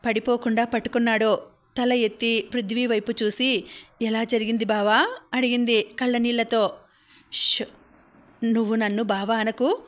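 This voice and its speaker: A woman narrating a novel as an audiobook, reading steadily and evenly. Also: a little high. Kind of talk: scripted story narration.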